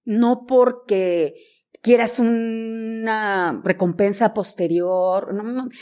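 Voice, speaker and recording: A woman's voice: fairly high pitch, very slow, smooth. A woman journalist with a Mexican Spanish accent, a guest on a podcast, telling stories and acting out the dialogue. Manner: animated storyteller, acts out dialogue. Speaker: guest, journalist and news director. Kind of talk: conversational podcast interview.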